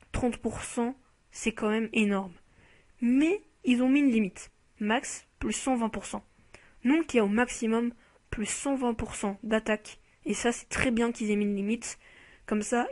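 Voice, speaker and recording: A woman's voice: fairly high pitch, darkish tone. A woman giving casual spoken commentary on a mobile game card as a YouTuber. She talks in a chatty, enthusiastic way and hesitates often, with many fillers and restarts.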